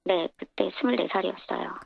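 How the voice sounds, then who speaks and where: Woman w/ disguised processed voice, gravelly, tinny phone line, giving an anonymous radio interview. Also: lowish voice, fairly quick, no echo.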